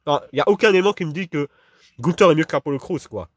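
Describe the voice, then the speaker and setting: A man's voice: a little high, racing, dry recording, studio quality. A young man casually rambling through wrestler rankings in slangy, dismissive talk full of fillers. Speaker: wrestling commentator ranking a roster. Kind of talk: casual monologue.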